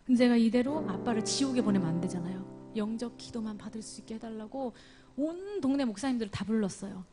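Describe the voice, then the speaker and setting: A woman telling her life story as a church testimony, moving from loud exclamations to near whispers. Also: a little high, expressive, quick pace. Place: church service. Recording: music playing clearly behind her voice. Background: instrumental music.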